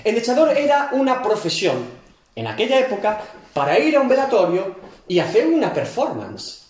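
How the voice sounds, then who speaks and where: A man teaches a Bible class in a high, very lively voice. He acts out scenes and tosses rhetorical questions at his students. The room is echoey. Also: moderate pace. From Galicia, Spain. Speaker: seminary teacher. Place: church classroom.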